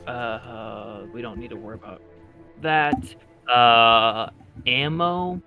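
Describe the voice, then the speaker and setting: A man acting as game master, explaining rules in a relaxed, rambling way and laughing often. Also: mid-range voice, slow, phone-quality sound, faint music behind. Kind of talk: running a tabletop game.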